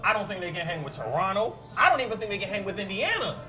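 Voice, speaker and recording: A man's voice: high-pitched, big pitch swings, fast, pushed and bright, faint music behind. A man co-hosting a live sports talk show, blunt and emphatic in his opinions. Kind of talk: casual sports debate.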